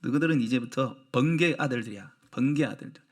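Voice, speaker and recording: A man voicing a patient male teacher who gently admonishes his hot-headed disciples. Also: medium pitch, fast talker, voice pushed down, close to an everyday voice. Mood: admonishing.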